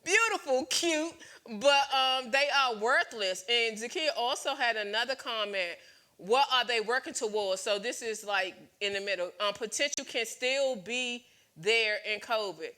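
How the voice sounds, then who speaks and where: A woman in her late forties, hosting a casual talk show. Her voice is bright and sits a bit high, and she talks candidly with lots of "um"s and restarts as she lays out her opinions. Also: a little slow. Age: 40s. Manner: candid, opinionated, many fillers.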